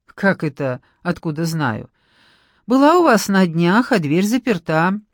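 A woman's voice: on the low side, big pitch swings, measured pace, no room sound, clean studio sound. A woman reading an audiobook, voicing a stern middle-aged woman who talks in an indignant, curt, commanding way.

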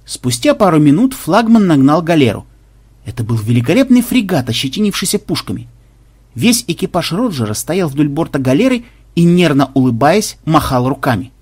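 A man narrating a comic science fiction audiobook in a lively storytelling manner. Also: a little high, moderate pace, husky. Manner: lively storytelling, acting out every character.

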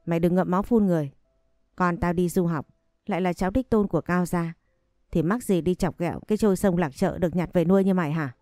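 A woman's voice: lowish voice, fast, mellow, dry recording, studio quality, soft background music, close to an everyday voice. A woman voicing a spiteful middle-aged mother who dotes on her son. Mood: scornful.

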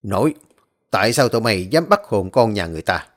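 A man playing a stern old exorcist who gives gruff, commanding orders. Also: lowish voice, big pitch swings, fairly quick. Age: older. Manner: commanding, scolding.

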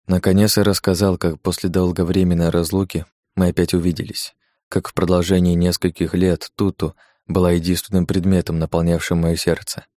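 A man with a low, deep voice reads an audiobook in a measured, old-fashioned storytelling manner. The recording is dry and close, with no room echo. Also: little pitch movement, mellow. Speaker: narrator. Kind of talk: scripted audiobook narration.

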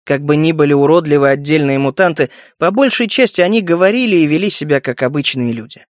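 A man reading a fantasy novel aloud as narrator, in a steady, even manner. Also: on the high side, fast talker, no room sound, studio quality. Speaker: audiobook narrator. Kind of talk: scripted narration.

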